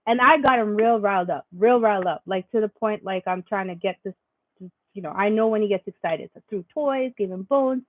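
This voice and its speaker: A woman's voice: medium pitch, brisk, dry recording. Rambling woman vlogger, tinny dry sound. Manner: rambling, filler-heavy storytelling with many restarts. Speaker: faith vlogger. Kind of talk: casual spiritual vlog monologue.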